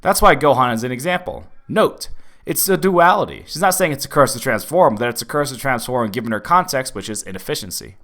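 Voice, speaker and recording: A man reads viewer comments aloud, one after another, in a flat, matter-of-fact way. His voice sits at an ordinary male pitch and stays businesslike throughout. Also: a little fast. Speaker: comment reader.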